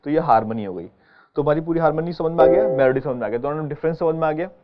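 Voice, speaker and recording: A man's voice: on the high side, expressive, very fast. Patient keyboard teacher, man. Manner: patient, explaining step by step with frequent check-ins. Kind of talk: online music lesson. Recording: dull lo-fi sound with keyboard playing behind.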